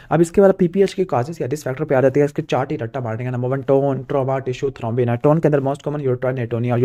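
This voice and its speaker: A man from Pakistan giving an exam revision lecture, asking himself questions and ticking off points with "clear" as he rattles through lists. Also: mid-range voice, warm tone. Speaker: medical exam tutor.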